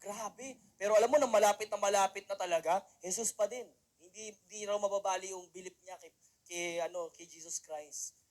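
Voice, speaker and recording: Very high-voiced young man mentoring a crowd. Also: a little fast. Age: young adult. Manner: animated storytelling, acting out quotes; peppers lines with rhetorical "di ba?". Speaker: mentor and motivational speaker. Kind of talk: motivational talk to a live audience.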